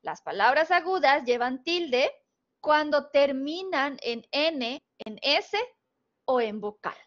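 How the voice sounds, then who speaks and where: Mexican lady teacher, high voice, walks through spelling rules step by step, kinda muffled recording. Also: expressive, takes it slowly, a bit bright. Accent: northern Mexican Spanish. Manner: patient, explains rules step by step, checks understanding with questions. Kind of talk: online spelling lesson. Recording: dull, lo-fi recording.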